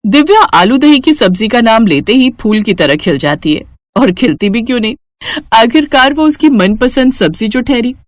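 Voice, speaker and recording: Expressive woman narrating a cartoon story. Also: fairly high pitch, moderate pace, no room sound, studio quality.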